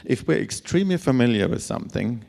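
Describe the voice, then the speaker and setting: A man's voice: medium pitch, very animated, fast, vocal fry, darkish tone. A man giving a conference lecture, his voice scratchy from long travel, speaking hesitantly with many fillers and restarts. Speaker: lecturer on instrument certification. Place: lecture hall.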